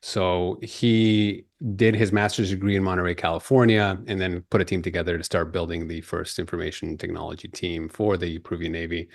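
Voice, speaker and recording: A man in his forties from Peru, a guest on a podcast interview, telling his background in a measured, explanatory way. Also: sits low, flat delivery, creaky, no echo, clean studio sound.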